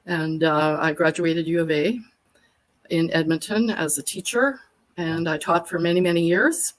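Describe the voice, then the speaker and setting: An older woman from Alberta, Canada, speaks in a lowish voice at a moderate pace, with slight background noise and poor audio. She's a workshop facilitator appearing as a guest on a live stream, chatting casually and telling her story in long, detailed answers.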